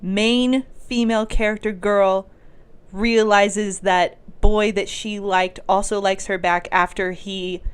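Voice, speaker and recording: A woman co-hosting a casual podcast, talking fast and playfully with frequent giggles. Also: mid-range voice, steady tone, clear, resonant tone. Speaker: podcast co-host.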